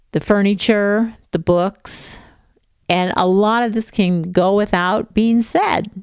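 A middle-aged woman and homeschooling teacher speaking to parents in a measured, emphatic, folksy way. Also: fairly low pitch, clean tone, no room sound, clean studio sound. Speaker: homeschooling teacher giving a talk. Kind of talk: talk to parents.

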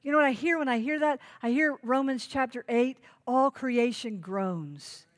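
A woman pastor delivers a sermon in a fairly high voice. She leans hard on key phrases and repeats them so listeners can write them down. She keeps putting direct questions to the congregation. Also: moderate pace. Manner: emphatic, repeats key phrases for note-taking.

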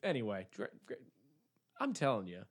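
A man co-hosting a casual podcast chat, sarcastic and animated as he makes his case. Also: lowish voice, normal speed, husky. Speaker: podcast co-host.

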